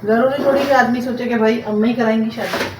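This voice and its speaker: In a casual, meandering home vlog, a woman cooks in the kitchen while mixing English words into her chatter, her slightly high voice steady and quick. The mic sits far away in an echoey room, with household noise clearly audible behind her.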